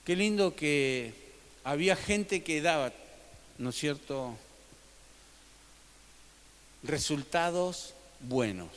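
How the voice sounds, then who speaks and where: A man preaching a sermon as pastor, swinging between loud emphatic peaks and soft, low drops. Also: animated, slow, long pauses. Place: church sanctuary. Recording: long reverb of a church hall.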